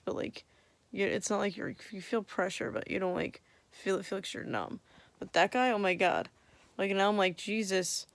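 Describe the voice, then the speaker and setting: A young adult woman vlogger with a medium-pitched, gravelly voice chats casually and candidly after having her wisdom teeth out, her mouth swollen and lisping. She's tired and drowsy from medication, and the recording is dry.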